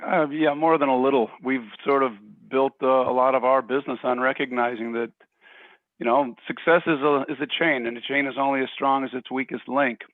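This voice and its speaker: A man who hosts the discussion and runs a marketing firm makes his point in a measured way, pausing and restarting as he goes. His voice sits at an ordinary pitch. It comes through a thin, phone-like line with no room sound. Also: steady tone, no echo. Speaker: show host and marketing firm owner. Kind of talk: casual discussion. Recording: tinny, dry phone-like line.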